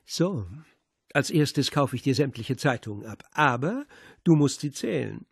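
A man's voice: medium pitch, animated, unhurried, gravelly, breathy edge, no room sound, exaggerated voice. A man voicing a cruel, mocking Czech man who taunts a police inspector, reading it as part of an audiobook. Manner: mocking and contemptuous.

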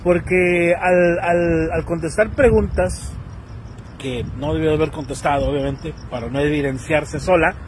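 A vlogger in his thirties with a Mexican Spanish accent rants casually to his phone's selfie camera outdoors, animated and full of slang, acting out the people he quotes. His voice is a little high and unhurried, with a slight hiss or hum in the audio.

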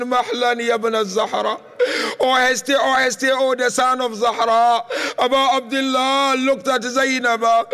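A man's voice: very high-pitched, sharp tone. A man preaching a mournful sermon in a large hall, half chanting and half sobbing as he recounts a lament. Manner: chanting, tearful lament with sung and sobbing lines. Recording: long hall reverb.

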